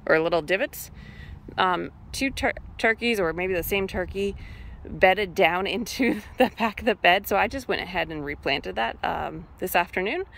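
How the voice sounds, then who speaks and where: A woman's voice: mid-range voice, gravelly, fairly bright tone, slight background noise. Chatty woman touring her garden outdoors. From Massachusetts, USA. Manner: chatty, thinking aloud with many ums. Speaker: homesteader giving a garden tour. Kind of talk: casual walk-through vlog.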